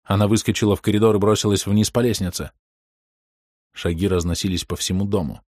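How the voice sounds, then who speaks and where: A man narrating an audiobook in the first person, in a steady, measured reading voice. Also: fairly low pitch, no echo, studio quality.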